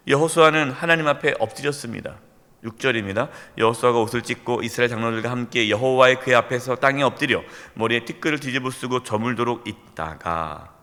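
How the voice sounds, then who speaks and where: A middle-aged man preaching a dawn prayer sermon as pastor, explaining scripture with rhetorical questions and swinging between loud acted-out complaints and hushed warnings. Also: mid-range voice. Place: church sanctuary. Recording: church hall reverb.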